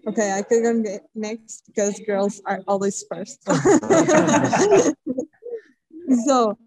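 A woman's voice: mid-range voice, slow pace, a little mellow, no room sound, low-quality recording. A woman in her twenties from Portugal, introducing herself playfully on a panel. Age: 20s. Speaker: scout panelist.

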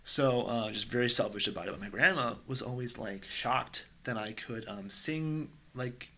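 A man in his thirties talks through his memories in an easy podcast chat. His voice has a bright, forward edge. He keeps the telling animated and sometimes drops into quick impressions of other people. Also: mid-range voice. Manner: animated storyteller who slips into mimicked voices. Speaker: podcast guest, drag performer.

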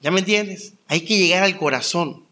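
A young adult man preaching a conversational sermon, telling stories with lively rhetorical questions. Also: high voice, moderate pace. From Colombia. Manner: animated storytelling with rhetorical questions. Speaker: pastor.

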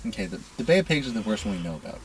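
A man in casual chat, curious and quick to laugh, telling stories and swearing. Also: fairly low pitch, big pitch swings, a little hiss or hum, rough recording. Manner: curious, laughs often, tells anecdotes.

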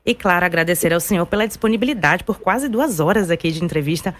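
A woman's voice: fairly low pitch, quick pace, a little hiss or hum. A woman hosting a live radio interview, closing with polite, formal thanks. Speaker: radio host.

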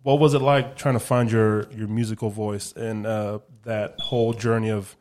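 A man's voice: lowish voice, flat delivery, moderate pace, darkish tone. A man hosting an interview, asking casual questions with some hesitation.

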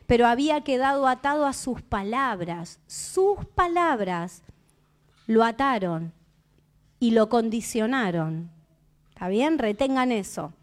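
A woman preaching, reading a Bible story aloud and pausing to comment to her listeners. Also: high voice. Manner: reads scripture aloud then comments to the congregation.

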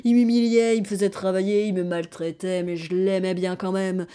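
A woman voicing a foul-mouthed rag doll who shouts curses in a storybook tale. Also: mid-range voice, little pitch movement, normal speed, smooth, lightly acted. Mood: bitter.

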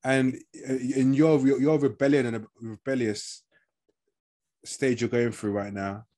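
A man's voice: mid-range voice, fairly even intonation, a little slow, dark tone. A man co-hosting a casual TV review chat, repeating phrases as he works out his point. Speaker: podcast co-host.

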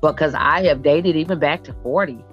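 Speaking briskly in a low register, a podcast host in her late forties leads a laid-back conversation. She's emphatic and direct, saying things more than once to drive them in, while music runs under the dull, lo-fi recording.

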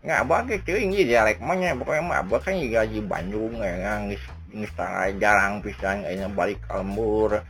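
A man's voice: lowish voice, normal speed, hardly any pauses, a bit bright, soft background music. A man with a Sundanese accent on a podcast, answering in a hesitant, joking way. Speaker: podcast co-host. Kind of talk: casual chat.

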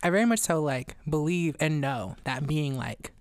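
Animated young woman in podcast chat. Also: low-pitched, moderate pace, dry recording. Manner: animated, slangy, laughs often. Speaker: podcast guest.

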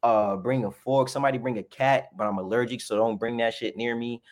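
Calling everybody bro, this Bronx-born wrestler in his twenties talks casually in excited slang, his New York accent strong. He speaks a little fast in a medium-pitched voice with fairly even intonation.

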